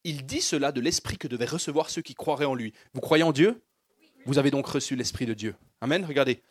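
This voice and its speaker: A man's voice: medium pitch, a little fast, no room sound. A man preaching a sermon, leading the congregation in call-and-response and building fervor. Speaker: pastor.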